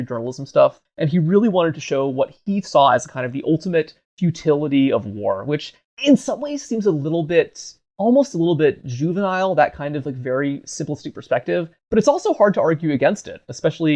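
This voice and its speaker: A man hosting a podcast in casual chat, explaining fluently and relaxed. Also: a little high, brisk, hardly any pauses. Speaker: podcast host.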